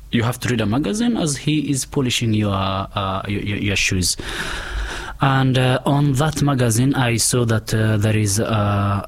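A man, a guest in a casual interview, telling his story in an unhurried, reflective way. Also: fairly low pitch. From Kenya.

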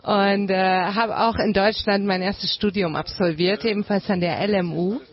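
A chatty woman in her thirties, from Germany, telling her story as a radio guest with easy warmth in her talk. Her speech is lively and quick to laugh, and the recording sounds dull and lo-fi. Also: mid-range voice. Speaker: guest, former graduate. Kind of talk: conversational interview answers.

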